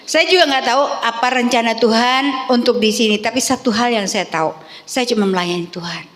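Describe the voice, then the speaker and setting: A middle-aged woman pastor preaching a sermon in a church, telling her story with lively questions to the congregation. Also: a little high, brisk. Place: church hall. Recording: echoey hall with long reverb.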